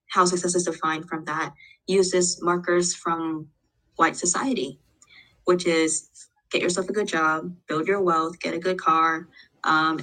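A woman's voice: fairly low pitch, a bit bright, rough recording. A young woman co-hosting a podcast, talking in a rambling way with many fillers like "like" and "you know.". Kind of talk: conversational podcast discussion.

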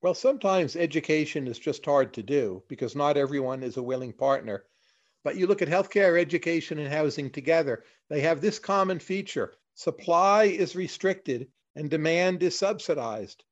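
A man, a guest in an interview, explaining his views in a measured way, in plain short lists. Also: fairly high pitch, animated. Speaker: economist guest. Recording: dull lo-fi audio.

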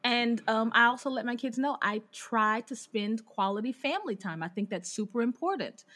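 A middle-aged woman, a teacher, talking candidly as a podcast guest and acting out her classroom voices with bursts of laughter. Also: mid-range voice. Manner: animated storyteller who acts out her classroom voices with laughter. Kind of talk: candid conversational interview.

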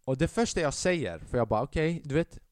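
Profane, animated male podcast comedian. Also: on the high side, no room sound, clean studio sound. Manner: animated, profane, acts out quoted voices. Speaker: podcast host and stand-up comedian. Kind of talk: casual solo podcast storytelling.

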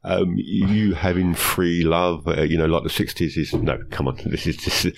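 A man co-hosting a film podcast in casual chat, talking haltingly with many fillers and restarts. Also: sits low, steady tone, gravelly, a little hiss or hum. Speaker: podcast co-host.

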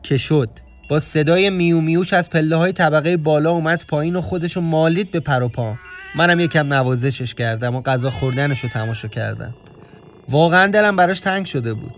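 Brief: male storyteller, slightly higher voice, tense first-person narration, soft music underneath. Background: faint music.

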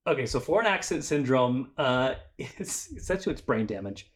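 Guy cohosting a chatty podcast, mid-pitched, rambly and jokey, keeps tripping on words. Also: animated, normal speed. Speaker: podcast co-host. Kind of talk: casual chat.

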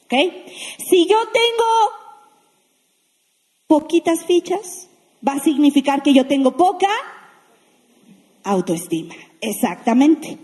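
A woman with a high, mellow voice gives a lively sermon to young listeners. She keeps checking in with the crowd and acts out small quotes. Her voice carries with a long reverb in a large hall. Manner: lively, asks the audience questions, acts out quotes. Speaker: preacher. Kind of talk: sermon to a youth congregation.

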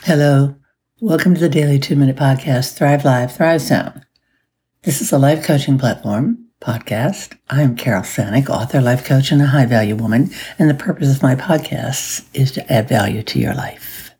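A woman's voice: a bass voice, moderate pace, mellow. A woman hosting a solo podcast as a life coach, chatting in a groggy early-morning voice, upbeat and with little laughs. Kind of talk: casual solo podcast talk.

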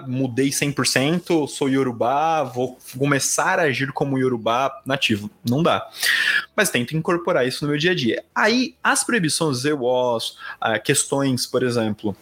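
A man's voice: mid-range voice, a bit bright. Reflective Paulistano man explaining patiently. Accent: Paulistano Brazilian Portuguese. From São Paulo, Brazil. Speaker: podcast guest. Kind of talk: conversational interview.

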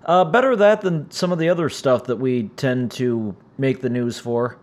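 An American man hosts his own casual solo podcast, his raspy, strained voice the result of injured vocal cords. He rambles self-deprecatingly with frequent "uh" fillers at a normal speed, in a medium-pitched, darkish tone, while cats make noise in the background.

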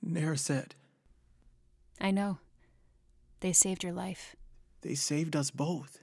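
Hushed, shaken young companions, as a narrator puts them on, speaking in soft, raised, slightly breathy voices. The sound is dry and close, with no room echo. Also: male voice, fairly high pitch, takes it slowly, pitched above the performer's own voice, exaggerated voice.

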